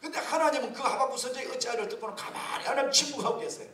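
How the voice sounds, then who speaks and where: A man preaching a sermon as a pastor, lively and humorous, with many rhetorical questions. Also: very high voice, very fast. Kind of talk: sermon at a leaders' retreat. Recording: echoey hall from far off.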